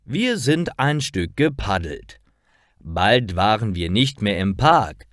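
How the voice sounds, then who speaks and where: A man reading stories aloud for language learners in a slow, clear, expressive way. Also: fairly low pitch, dry recording, studio quality. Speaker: narrator.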